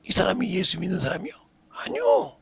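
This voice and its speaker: A male pastor preaching a sermon, swinging from shouted lines to hushed whispers. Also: a little high, very animated, moderate pace, gravelly, a little hiss or hum.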